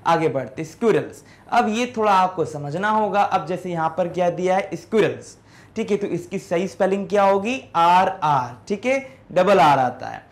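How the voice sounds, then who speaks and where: A man's voice: high-pitched, expressive, moderate pace. A man teaching an English class, explaining step by step and often checking in with students. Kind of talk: classroom lesson in Hindi with English words.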